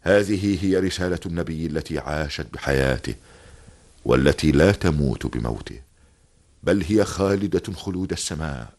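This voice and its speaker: Solemn, resolute army commander. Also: male voice, rumbling low, animated, moderate pace, darkish tone, full character voice. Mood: grave, consoling. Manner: solemn, declamatory. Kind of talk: classical Arabic historical drama acting.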